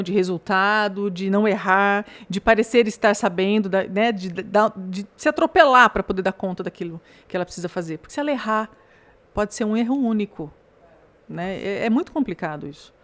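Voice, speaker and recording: A woman guest in a relaxed podcast chat, at a middle pitch. She builds her points earnestly. She leans on key words with emphasis. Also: fairly quick. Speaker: guest, business consultant. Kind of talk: casual podcast conversation.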